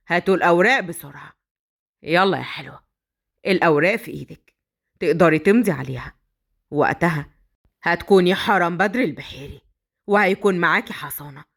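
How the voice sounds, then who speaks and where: A woman voicing a ruthless male mafia boss who speaks slowly and mockingly in an Egyptian accent. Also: gravelly, a bit bright. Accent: Egyptian Arabic. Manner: slow, low, taunting.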